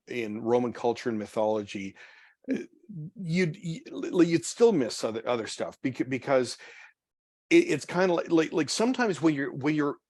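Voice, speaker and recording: A pastor leading a church study group, talking casually and haltingly with many restarts and repeated words. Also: male voice, mid-range voice, a little mellow, dry recording. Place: church meeting room.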